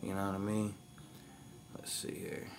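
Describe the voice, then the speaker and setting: A man's voice: low voice, level tone, unhurried, gravelly, background noise. A man giving casual, slangy video commentary in an emphatic way, often asking "you feel me".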